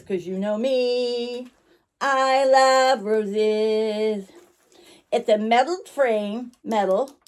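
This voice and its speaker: A woman's voice: on the high side, darkish tone. Rambling woman chewing gum as she talks. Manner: chewing gum while talking; rambling, self-interrupting, apologetic. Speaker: online vintage shop owner and vlogger. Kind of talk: casual chat to camera.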